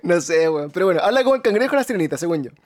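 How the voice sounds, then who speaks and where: Brief: Chilean male co-host, rapid, slangy and rambling, higher-pitched. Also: lively intonation, a little hiss or hum. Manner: rambling, slangy, frequent restarts. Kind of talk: casual chat.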